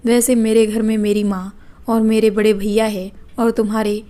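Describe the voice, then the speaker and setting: A woman's voice: mid-range voice, little pitch movement, normal speed, mellow, natural voice. A woman voicing a cheeky young man on a train who teases and mocks in playful banter. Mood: teasing.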